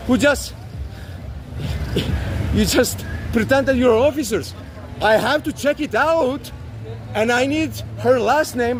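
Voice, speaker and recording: With an extremely high pitch, this man, whose first language isn't English, films police outdoors on a city street. A citizen auditor, he persistently repeats polite but insistent demands during the confrontational street recording.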